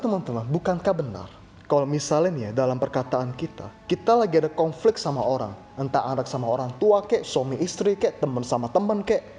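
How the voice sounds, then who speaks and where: A man's voice: a little high, darkish tone. Casual conversational male preacher. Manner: casual conversational preaching with slang, rhetorical questions. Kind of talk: sermon.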